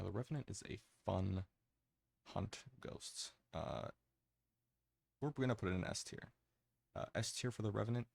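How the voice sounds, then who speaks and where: A man giving casual, rambling ASMR gaming commentary in a hesitant way, close to the mic. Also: no echo. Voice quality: low, gravelly.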